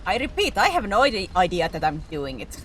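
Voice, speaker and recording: Finnish accent girl streamer rolling her r's, bright voice, rambly casual game commentary, bit of background noise. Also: on the low side, brisk. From Finland. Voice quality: rolled R's. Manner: animated, rambling, self-deprecating. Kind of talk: casual gameplay commentary to viewers.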